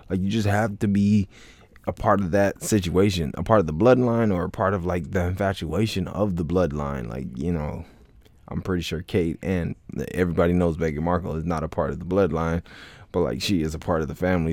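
A deep-voiced man hosting a solo podcast, with a mellow, dark tone recorded close and dry. He talks casually and rambles, leaning on filler words and restarting his sentences. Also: no echo. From Florida, United States. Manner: rambling, heavy on "like, you know" fillers and restarts. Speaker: podcast host.

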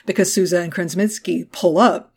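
A woman's voice: on the low side, steady tone, moderate pace, darkish tone, breathy edge. A woman co-hosting a podcast, recapping an episode in casual chat, swearing freely and acting out characters' lines. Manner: swears freely, acts out quotes. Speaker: podcast co-host.

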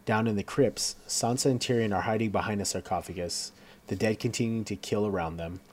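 A man's voice: lowish voice, fairly quick, slight background noise. A man giving a casual scene-by-scene recap of a TV episode, reading along with fillers and stumbles. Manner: reads along with fillers and self-corrections.

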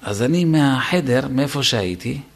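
A man's voice: medium pitch, expressive, creaky. A man, a rabbi, giving an emphatic Torah lesson, repeating his words for stress and addressing his listeners directly. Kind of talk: sermon.

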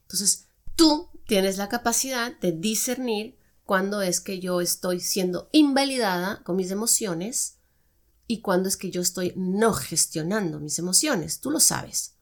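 A woman hosting a casual advice podcast, talking expressively and acting out quoted remarks in a higher voice. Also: animated, measured pace. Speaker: podcast host.

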